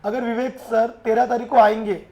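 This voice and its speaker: A man teaching a class in a lively way, often urging his students to answer and mixing English terms into his speech. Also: very high voice, moderate pace. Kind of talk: classroom lecture.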